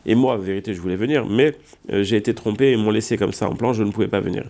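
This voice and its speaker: A man with a low, dark, mellow voice teaches a Talmud study lesson at a brisk pace. He reads out Hebrew and Aramaic passages and then explains them, pausing on fillers as he works through the argument. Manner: thinks aloud with frequent hesitations.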